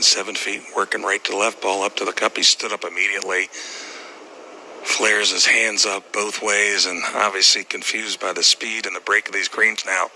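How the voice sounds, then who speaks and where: A man's voice: low-pitched, bright, forceful tone, slight background noise, rough recording. A man reporting from out on the course as a golf commentator, talking through each putt and shot live. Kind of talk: live golf commentary, describing putts step by step.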